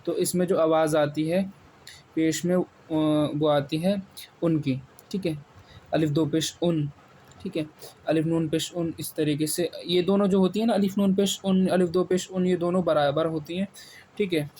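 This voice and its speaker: A man with a Pakistani Urdu accent teaches Quran reading by spelling out each sound slowly and drawing out the syllables. His voice sits a little high. There is faint noise behind him. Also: steady tone, warm tone. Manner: repeats sounds slowly, drawn-out syllables, frequent "theek hai". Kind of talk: spelling-out recitation lesson.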